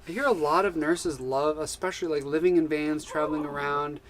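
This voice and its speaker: A man with a slightly higher voice, co-hosting a casual live chat. He talks in an easy, upbeat way and keeps dropping in quick agreements. Faint noise sits behind him. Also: fairly even intonation. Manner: upbeat, chatty, quick to chime in with short agreements. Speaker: co-host of a live van life chat.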